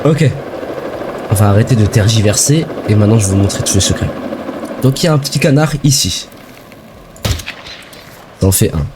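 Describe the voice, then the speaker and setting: A young man from France giving casual, excitable let's-play commentary full of slang as he plays a shooter game. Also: fairly low pitch, a little fast, long pauses, noisy background. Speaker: gaming video creator.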